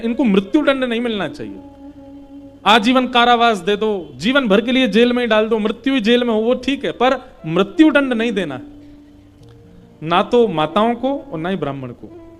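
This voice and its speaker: A man retelling a scripture story as a devotional preacher, explaining it emphatically and chanting verses. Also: high-pitched.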